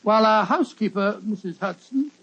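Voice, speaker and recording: Casting: genial, slightly hesitant British doctor telling tales on vintage radio, high-pitched, dull broadcast sound. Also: male voice, a little fast, creaky, fairly bright tone, slightly rough, full character voice. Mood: genial reminiscing. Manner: rambling, hesitant, chatty. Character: genial gentleman doctor reminiscing about old adventures. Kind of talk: old-time radio storytelling.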